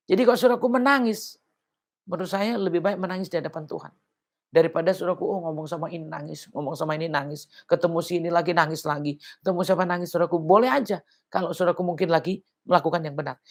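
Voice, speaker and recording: A woman's voice: lowish voice, vocal fry. A woman pastor with an Indonesian accent, preaching a sermon in an earnest, repetitive style that keeps appealing to her listeners.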